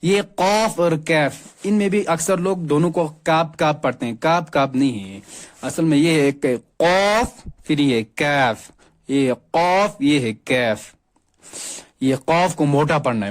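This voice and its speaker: A man teaching a Quran reading lesson, slowly drawing out and repeating each letter sound and correcting common mispronunciations. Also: a little high. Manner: corrective, explaining pronunciation.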